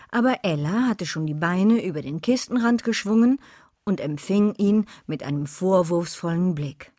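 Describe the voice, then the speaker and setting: Woman reading a kids story, lowish voice, dry close sound. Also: a little mellow, no room sound. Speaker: narrator. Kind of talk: audiobook narration.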